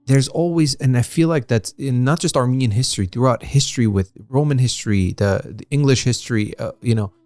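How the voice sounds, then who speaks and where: A man's voice: medium pitch, fairly quick, hardly any pauses, darkish tone, dry recording. A man co-hosting a casual history podcast, talking in a rambling way with many fillers and restarts. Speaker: podcast co-host.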